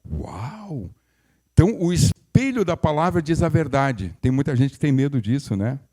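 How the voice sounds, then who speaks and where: A man's voice: on the high side, a little fast, warm tone. An older male pastor, preaching in a folksy, conversational way with humorous asides and frequent restarts. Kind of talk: sermon.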